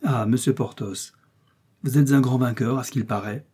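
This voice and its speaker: A man's voice: mid-range voice, fairly even intonation, normal speed, a little mellow, slightly rough, natural voice. A man voicing a jealous, pleading middle-aged woman who speaks in a plaintive, sighing manner, in a storybook reading. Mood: coaxing.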